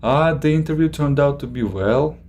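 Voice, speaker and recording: A man casually chatting on a live stream, reading out viewer questions and reacting, with halting pauses. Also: on the high side, a little mellow, slight background noise. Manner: slow, halting, many filler pauses.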